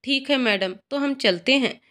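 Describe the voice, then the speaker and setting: A woman's voice: high voice, moderate pace, fairly bright tone. A woman voicing a stern male police inspector who asks probing, formal questions in a read-aloud story.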